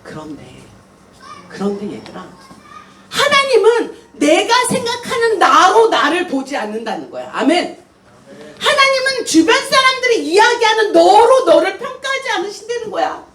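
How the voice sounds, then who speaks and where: A woman missionary preaching to young people, animated and full of questions, speaking casually to the kids. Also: very high voice, normal speed. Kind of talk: sermon. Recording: echoey room, voice heard from far off, faint noise.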